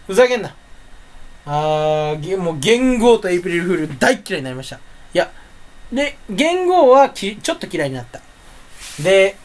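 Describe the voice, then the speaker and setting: A sleepy man with a stuffy nose rambling to himself in a casual solo chat, often correcting himself. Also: high voice. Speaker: channel host.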